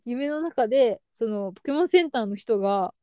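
A woman's voice: on the high side, lively intonation, moderate pace, mellow, no room sound, studio quality. A young woman co-hosting a casual podcast, telling a story animatedly and acting out the lines of the people in it. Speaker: podcast co-host.

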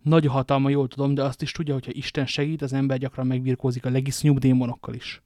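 A man's voice: medium pitch, little pitch movement, dark tone, no echo, clean studio sound, lightly acted. A man reading a grim, menacing nobleman. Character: cold, grim nobleman, husband of a villainess.

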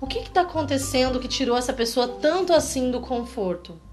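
A woman's voice: sits high, animated, a little fast, a little mellow, soft background music. A woman with a Brazilian accent giving a casual, playful parenting lesson, often ending with tag questions. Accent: Brazilian Portuguese. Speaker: parenting educator. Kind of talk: casual teaching talk.

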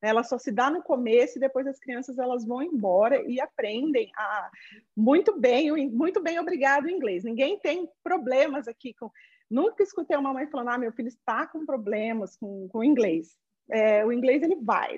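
A Brazilian woman teacher speaks in a fairly high voice, explaining her views in an animated way, with lots of restarts and little acted-out quotes of parents. The sound is dull and lo-fi, like a muffled video-call line. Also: slightly rough. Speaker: Portuguese teacher and children's author. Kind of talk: conversational interview answers. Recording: dull lo-fi audio.

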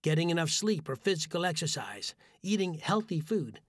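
A man reading a first-person essay aloud as a narrator, measured and earnest. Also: fairly high pitch, big pitch swings, no room sound, studio quality. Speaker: audiobook narrator. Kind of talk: scripted narration.

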